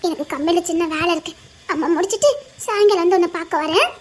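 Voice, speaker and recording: A woman with a Tirunelveli Tamil accent playing a sad mother who gently coaxes her daughter, speaking soft and low. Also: fast. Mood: sad coaxing. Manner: soft, subdued, coaxing.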